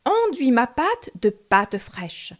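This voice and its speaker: A woman's voice: high-pitched, very animated, takes it slowly, exaggerated voice. A woman doing a sly wolf faking a mother's voice. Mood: threatening. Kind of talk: storybook narration.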